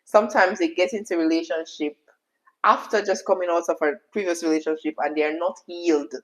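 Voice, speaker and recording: A woman's voice: on the low side, steady tone, a little fast, rough recording. A woman with a Jamaican accent chatting casually, emphatic and repetitive, slipping into patois as she co-hosts. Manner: emphatic, repeats phrases, slips into patois. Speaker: co-host answering viewer questions. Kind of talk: casual chat.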